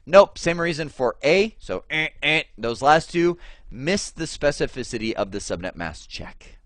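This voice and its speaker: A male instructor lectures over slides with a lively, up-and-down voice that sits a touch high for a man. He keeps it chatty and keeps quizzing the viewer. The sound is close and dry, with no room around it. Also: measured pace, dry recording. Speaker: networking instructor.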